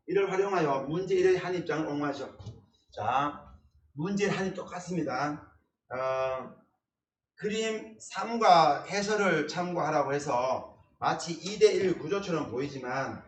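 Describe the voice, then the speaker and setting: Man lecturing at a blackboard, echoey room. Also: on the high side. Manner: emphatic, repeats key words. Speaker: essay-writing instructor. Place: classroom at a large blackboard. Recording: echoey classroom, distant mic, faint noise.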